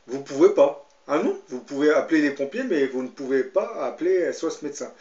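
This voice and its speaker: A man's voice: fairly high pitch, sing-song, fairly quick, a little mellow. A man reading aloud the lines of a brusque, impatient female emergency operator. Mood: curt. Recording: roomy, slightly dull sound.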